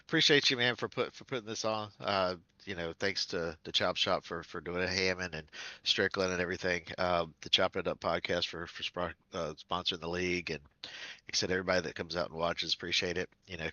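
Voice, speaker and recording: A very low-voiced man with a stuffy nose from a cold, speaking in a laid-back, rambling post-race chat. His tone has a bright edge, and the dry, muffled lo-fi line makes it sound like voice chat. He laughs often between his thoughts. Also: steady tone, a little fast, no echo. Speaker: sim racing driver.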